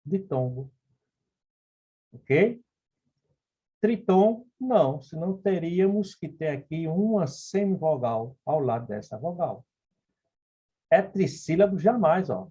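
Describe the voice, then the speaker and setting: In a dull lo-fi recording, a Portuguese grammar teacher animatedly walks through phonetics exam questions, slow and with long pauses. His fairly high voice is warm and slightly rough, and he often asks "ok?" or "beleza?".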